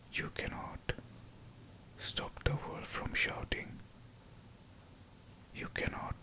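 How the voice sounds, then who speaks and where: A man whispering a scripted pep talk of affirmations, in short, deliberate phrases. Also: pushed and bright. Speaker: guided affirmation narrator.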